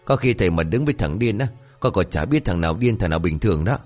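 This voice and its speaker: A man voicing a naive, blunt young male disciple who pleads and wails in a raised, fast voice. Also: animated, a little mellow, faint music behind. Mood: blunt honesty. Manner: pleading, wailing, high and fast.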